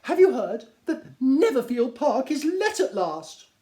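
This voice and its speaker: A man voicing a fussy, excitable middle-aged wife, gushing and plaintive, in a theatrical reading of a classic novel. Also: very high voice, measured pace, pitched above the performer's own voice, full character voice. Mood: eager, insistent. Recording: roomy, echoing indoor sound.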